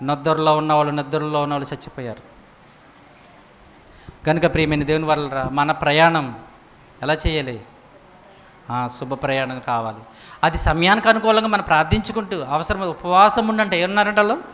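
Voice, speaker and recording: A man preaching a sermon with emphatic rhetorical questions, swinging from loud to hushed. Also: a little high, fairly even intonation, brisk, long pauses. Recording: echoey hall reverb.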